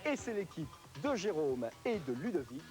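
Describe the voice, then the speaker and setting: A man with a French accent hosting and giving excited live game commentary in a raised, urgent voice. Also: a little high, moderate pace. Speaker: game show host commentating. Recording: music under the voice. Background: prominent music.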